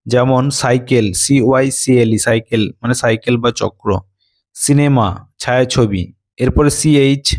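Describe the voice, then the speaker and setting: A man's voice: mid-range voice, darkish tone. A man teaching a scripted phonics lesson, spelling out words letter by letter and giving their meanings.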